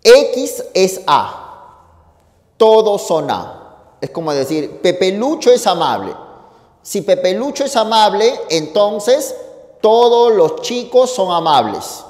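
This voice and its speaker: A man's voice: sits high, slow pace. A male teacher giving a lesson, asking questions and answering them himself. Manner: lively, asks and answers his own questions. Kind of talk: lecture. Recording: echoey room with long reverb.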